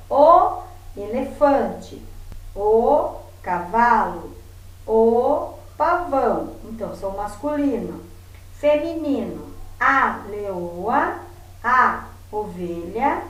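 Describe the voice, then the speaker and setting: A woman teacher, giving a remote lesson to her pupils and patiently saying example words slowly so they can hear them. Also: a little high. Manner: patient, repeats words slowly to model stress. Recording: very echoey room, voice from far off.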